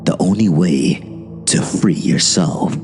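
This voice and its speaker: A man voicing a smug, deliberate male devil who lectures in a monotone, in a horror story reading. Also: deep voice. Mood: smug lecturing. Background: music.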